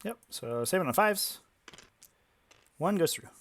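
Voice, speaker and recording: A man hosting a tabletop wargame session, brisk and upbeat as he counts his saves out loud. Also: high voice, lively intonation. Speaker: tabletop wargame player and channel host. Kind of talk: casual game commentary.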